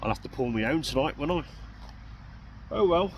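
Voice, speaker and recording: Man, croaky throat, rambling self-mocking camp vlogger, light road noise behind. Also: on the high side, lively intonation, moderate pace. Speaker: camping vlogger. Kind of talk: casual chat to camera. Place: outdoors at an urban roundabout camp at night.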